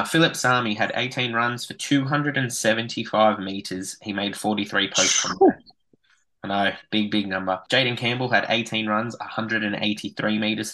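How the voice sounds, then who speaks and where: Casting: Australian man, sports podcast stats guy, blokey and casual, crisp bright edge, slightly deep. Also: poor audio. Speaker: sports podcast co-host reading match statistics. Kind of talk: casual rugby league stats rundown.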